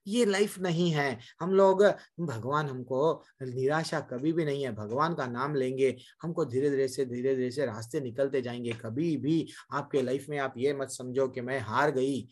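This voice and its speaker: A man's voice: mid-range voice, moderate pace, hardly any pauses. A man giving a devotional sermon to a class, asking rhetorical questions, addressing listeners as mothers and brothers, and mixing English words into his Hindi. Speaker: devotional speaker.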